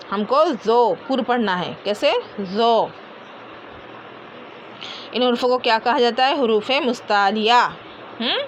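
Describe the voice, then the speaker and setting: A woman teacher, slowly drilling letter sounds and repeating each one aloud, often checking with "है ना?". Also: a little high, a bit bright, slight background noise. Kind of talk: Quran letter pronunciation lesson.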